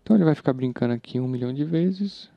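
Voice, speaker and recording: Rapid-fire and animated, a Brazilian Portuguese-accented programming instructor talks through a casual screen-recorded lesson, thinking aloud in a chatty, informal style. His medium-pitched voice carries vocal fry, and the dry recording sounds dull and slightly lo-fi.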